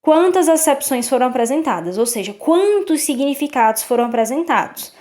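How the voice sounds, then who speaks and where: A woman's voice: high-pitched, expressive, moderate pace, warm tone. Patient woman explaining exercises. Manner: patient, checks in with "tá?" and "certo?". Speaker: Portuguese teacher.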